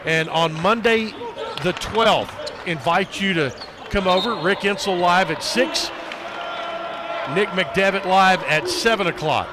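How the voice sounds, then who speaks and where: A man's voice: high voice, takes it slowly, background noise. An American man doing live radio basketball commentary in a dense, projected announcer voice. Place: indoor basketball arena.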